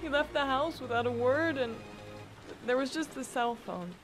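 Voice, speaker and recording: A woman's voice: high voice, moderate pace, over music, natural voice. A woman acting a fragile, distraught young mother in a video game drama, with stilted, melodramatic line readings. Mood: subdued. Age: young adult.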